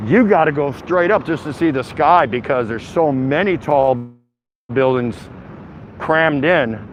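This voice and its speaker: A medium-pitched man livestreams a walk through a city bayside area, rambling casually to his live chat in a relaxed, talkative, joking manner. The lo-fi mobile audio sounds dull, with clear traffic noise from passing vehicles and other urban outdoor sounds.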